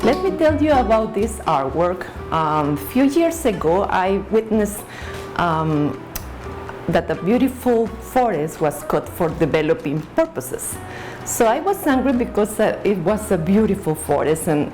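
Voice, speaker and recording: A woman's voice: medium pitch, a little mellow, poor audio. A woman from El Salvador with a Salvadoran Spanish accent, an artist explaining her paintings in her studio, hesitant with frequent fillers and restarts.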